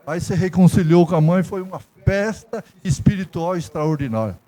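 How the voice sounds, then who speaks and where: A man's voice: high voice, normal speed, warm tone. An older man preaching a folksy sermon in a church with a Brazilian accent, telling stories and repeating himself. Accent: Brazilian Portuguese.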